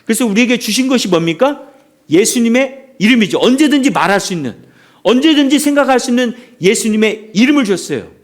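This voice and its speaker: A man's voice: very high voice, lively intonation, fairly quick. A man preaching a sermon as a pastor, telling stories with animation and throwing questions out to the congregation.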